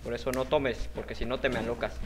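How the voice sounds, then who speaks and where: A man's voice: medium pitch, flat delivery, quick pace, a little hiss or hum. A young man with a Mexican accent giving jokey, slangy let's-play commentary, talking to himself and his viewers. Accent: Mexican Spanish. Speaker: gaming youtuber.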